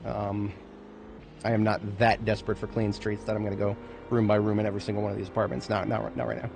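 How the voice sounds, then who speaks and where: A man's voice: on the low side, flat delivery, quick pace, vocal fry, noisy background. A man giving casual, rambling commentary on a game as a streamer, with playful, self-mocking remarks. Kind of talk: casual let's-play commentary.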